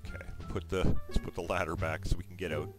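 A man giving excitable let's-play commentary, thinking aloud and talking to his viewers. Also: sits low, fast talker, loud music behind the voice, low-quality recording. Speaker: gaming YouTuber.

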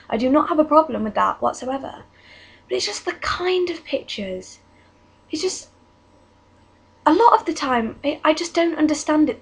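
A woman's voice: a little high, vocal fry, husky. A teenage girl, ranting casually in her vlog, exasperated and chatty, recorded on a webcam at home. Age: teens. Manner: exasperated, chatty, many restarts and "like". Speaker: vlogger. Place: bedroom at home.

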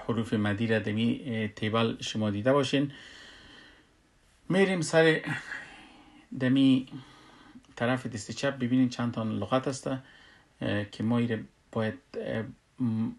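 Male teacher, mid-pitched voice. Calm lesson delivery, repeating syllables and stretching recited words. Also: gravelly. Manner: drills syllables one by one, drawing out recited words slowly. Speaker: tajweed teacher. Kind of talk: recorded lesson.

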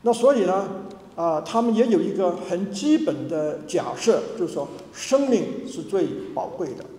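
A man from Hong Kong delivers a sermon in an animated, high-pitched voice that swoops up and down. He speaks emphatically, stumbling into fillers and restarts. The sound carries a long echoing reverb of a church hall. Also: normal speed. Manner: lively, emphatic preaching with many fillers and restarts. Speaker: pastor.

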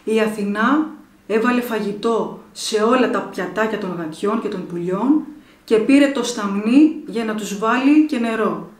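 A woman storyteller reading a folk tale aloud in a measured, expressive way, in an echoey room. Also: mid-range voice. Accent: Greek.

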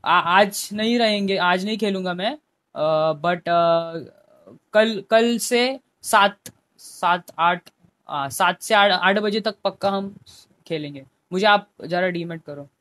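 A young man with a fairly high voice, talking casually into a headphone mic on his game stream. He chats with viewers by name and sometimes pleads with them. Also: slow pace, bright, forceful tone. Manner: chatty, talks to chat viewers by name, pleading at times. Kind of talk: casual live-stream chat.

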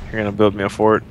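A man's voice: lowish voice, a little hiss or hum. A man playing a co-op game, bantering and laughing easily in casual let's-play commentary. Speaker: co-op gaming partner.

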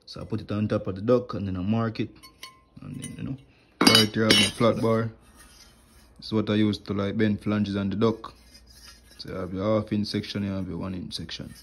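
A young HVAC technician casually tours his tool bag at home on a wooden floor, explaining each tool plainly with fillers while a phone camera held close films his hands. His lowish voice is level, brisk, creaky and a bit bright, with slight background noise.

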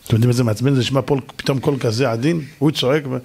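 A man giving a lively sermon to an audience, asking questions and answering them himself, and acting out shouting and calm voices. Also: mid-range voice, husky. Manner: animated, mimics shouting and soft calm voices for effect. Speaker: rabbi giving a Torah lesson.

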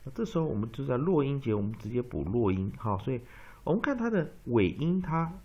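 A man teaching an English pronunciation lesson. He repeats words slowly for drilling and mixes English terms into his Chinese. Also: medium pitch, big pitch swings, slightly rough. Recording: dull lo-fi recording.

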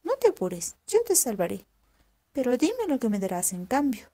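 A shrill, sing-song fox from a storybook, as a woman reader puts her on, scheming and greedy. Her voice jumps high and sharp, yet keeps a mellow, warm tone underneath. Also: huge pitch swings, moderate pace, full character voice.

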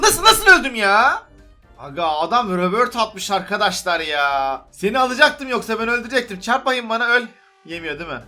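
Gaming YouTuber, male, very high and bright voice, excitable and teasing, music underneath. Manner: excitable, teasing, chatters to other players. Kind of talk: gameplay commentary.

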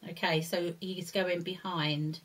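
A middle-aged woman presenting a lesson to young children with a puppet, speaking in simple, singsong, deliberate phrases with questioning tags. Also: lowish voice, flat delivery, poor audio. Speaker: early years teacher presenting a puppet lesson. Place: indoors, seated before a brick-patterned backdrop.

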